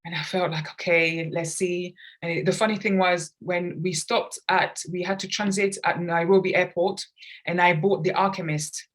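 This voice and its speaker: Her voice is on the low side and steady, at normal speed. She grew up in London, England, and as a children's author and artist appearing on a conversational podcast, she reflects earnestly and at length on personal experience.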